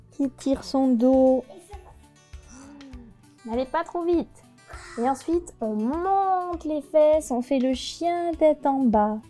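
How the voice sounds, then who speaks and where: A young woman, a yoga teacher, guiding a children's class with gentle, encouraging, playful instructions. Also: high-pitched.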